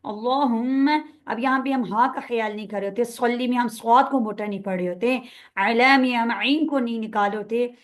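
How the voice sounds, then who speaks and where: A woman with a Pakistani Urdu accent giving a recitation lesson, explaining and then reciting passages slowly and drawn out. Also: on the high side. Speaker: teacher of prayer recitation.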